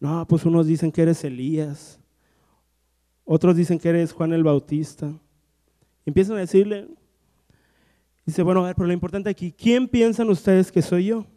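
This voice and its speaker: A man preaching a sermon, telling Bible stories and acting out the characters' lines in a lively storytelling way. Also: fairly high pitch, normal speed, long pauses. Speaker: pastor. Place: church hall. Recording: long church hall reverb.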